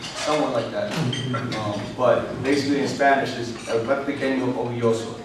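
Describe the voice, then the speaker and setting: A middle-aged New Yorker, a native English speaker, gives a keynote speech in a large convention hall, rambling conversationally and leaning on "you know." His voice is medium-pitched and fairly even in intonation, and he talks briskly. The recording is taken from far off in the echoey hall, with noise in the background.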